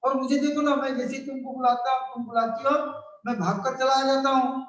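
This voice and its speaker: A man's voice: very high voice, fairly even intonation, brisk, muffled recording, pitched above the performer's own voice. Man voicing innocent questioning little boy. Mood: pleading. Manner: pleading, questioning. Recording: echoey room, distant mic.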